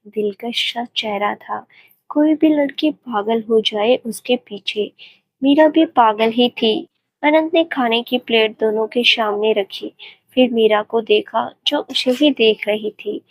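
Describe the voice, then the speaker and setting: A woman narrating a romance story in a gentle, even storytelling manner. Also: on the high side, slow pace, dry recording, low-quality recording.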